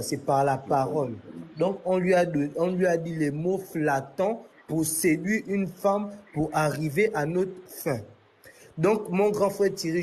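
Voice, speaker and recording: A man's voice: on the high side, darkish tone, a little hiss or hum. A man calling into a live religious debate speaks hesitantly, with many "euh" fillers. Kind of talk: casual call-in argument.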